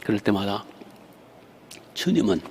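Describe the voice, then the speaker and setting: A male pastor preaching a sermon with emotional, dramatic delivery and sudden loud outbursts. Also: on the low side, animated, a little slow, breathy edge. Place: church sanctuary. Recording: reverberant church hall.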